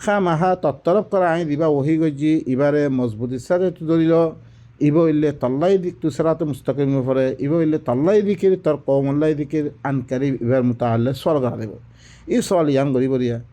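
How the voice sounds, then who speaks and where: A man with a fairly high, very soft-toned, mellow voice delivers Quran exegesis. He teaches step by step, repeating phrases and posing rhetorical questions as he explains each verse. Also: moderate pace.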